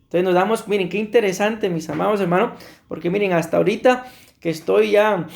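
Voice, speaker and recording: A man's voice: high-pitched, fairly quick, creaky, echoey room. A male pastor from Costa Rica preaching a sermon to his congregation, often addressing them as beloved brothers and punctuating points with amen. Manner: repeats "mis amados hermanos" and "amén" often. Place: church.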